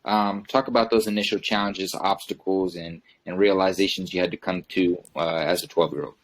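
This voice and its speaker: A man hosts a podcast in a friendly, easygoing way, his voice on the low side. He asks long, rambling questions and calls his guest brother. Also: steady tone, brisk, poor audio. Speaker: podcast host. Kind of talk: casual interview hosting.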